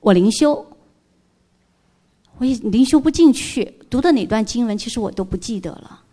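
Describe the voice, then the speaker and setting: A woman's voice: a little high, animated, moderate pace, dark tone. A middle-aged woman giving an emotional church testimony, telling her story earnestly and dropping in English words.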